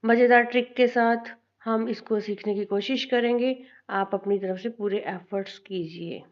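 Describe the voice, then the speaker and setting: A woman with an Indian accent teaching an English lesson, speaking slowly and deliberately, spelling out letters and repeating things for her students. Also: medium pitch, steady tone, highs cut off. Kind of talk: classroom lesson mixing Hindi and English.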